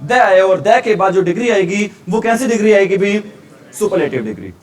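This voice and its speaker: High-voiced male teacher, heard from afar. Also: lively intonation, moderate pace, distant mic. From India. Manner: asks questions then answers them himself. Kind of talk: grammar revision lecture.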